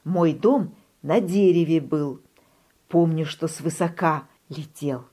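A woman voicing a frightened, whiny lost little duckling in a high, squeaky, whining voice for a children's storybook reading. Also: slow, mellow. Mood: pleading.

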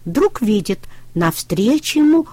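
A woman reading a children's story aloud in a slow, expressive storytelling style, close to the microphone. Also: mid-range voice, breathy edge, dry recording.

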